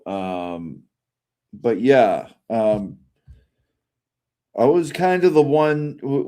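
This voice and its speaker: A man with a fairly low, mellow voice hosts a casual live stream. He rambles, swears freely and fills his talk with "um" and "you know". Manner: rambling, profane, many fillers. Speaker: streamer host reacting to a live audio room.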